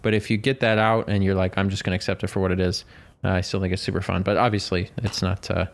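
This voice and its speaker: A man's voice: low voice, little pitch movement, fast, gravelly. A man co-hosting a casual podcast, telling stories in a rambling, self-interrupting way. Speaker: podcast co-host.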